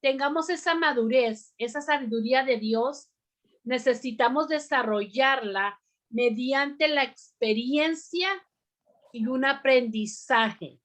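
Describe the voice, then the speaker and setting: A woman teaching a bible lesson to a women's group, speaking deliberately and often pausing on "amén" to ask her listeners questions. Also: high voice, fairly bright tone.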